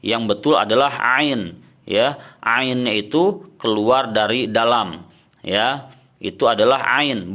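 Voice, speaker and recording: Male recitation teacher, very unhurried, mid-pitched, models verses in long chanted phrases. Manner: explains common mistakes, then chants verses slowly and drawn out; ends points with soft drops "ya", "nah". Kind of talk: Quran recitation lesson.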